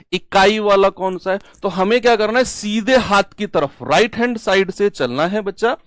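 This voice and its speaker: A man teaches a maths class online with a fairly high voice. He says key terms several times and often asks a question, then answers it himself. The sound is dry and close. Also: fairly bright tone, no room sound.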